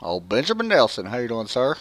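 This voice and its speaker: Speaking briskly with big swings in pitch around a medium register, a man from the American South gives casual live commentary on a sim race and talks with drivers, leaning on lots of fillers. There's no room sound in the recording.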